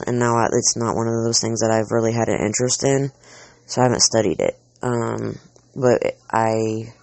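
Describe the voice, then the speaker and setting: A man's voice: medium pitch, darkish tone, dry recording. A man hosting a casual monologue, chatty and rambling, drifting off on tangents and full of filler words. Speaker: host counting down a list.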